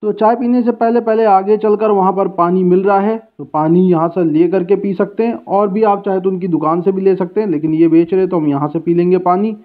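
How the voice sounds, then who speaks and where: Guy vlogging food, fairly high voice, tinny phone-line sound. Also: steady tone, fairly quick, few pauses. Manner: chatty, guiding the viewer along. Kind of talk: casual walking food-vlog narration. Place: outdoor street and busy food shop. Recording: tinny phone-like street recording.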